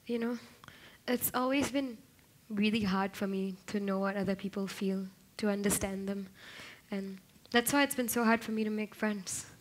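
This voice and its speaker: A young woman acting in a student play as a socially awkward girl who struggles to read feelings and speaks softly and hesitantly. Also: medium pitch, moderate pace, natural voice.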